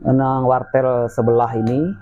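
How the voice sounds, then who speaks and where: A man appearing as a guest casually tells a spooky story from his own life, retelling it with energy and acting out the voices of the people involved. His voice is mid-range and a little slow, on a dull lo-fi recording with faint noise.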